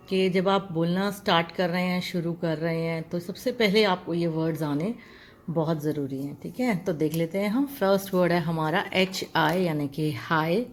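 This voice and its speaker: A woman teacher talks through a beginner language lesson at a very unhurried pace. Her voice sits a little low, and she breaks words into letters and sounds, repeating them patiently. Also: slight background noise. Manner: slow, spelling words out letter by letter and drawing out sounds. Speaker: English teacher. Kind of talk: classroom-style language lesson.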